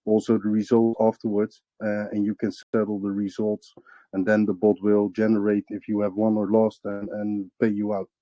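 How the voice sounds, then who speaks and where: A man's voice: on the low side, monotone, normal speed, warm tone, highs cut off. A man representing a crypto project, answering interview questions hesitantly with many fillers and restarts.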